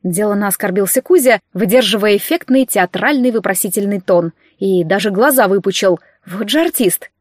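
A young woman narrating a first-person audiobook in a lively, ironic way. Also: mid-range voice, normal speed, hardly any pauses, no echo, clean studio sound.

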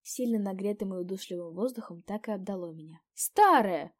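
A woman narrating a classic story aloud, expressive and storytelling. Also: medium pitch, quick pace, slightly rough. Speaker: audiobook reader.

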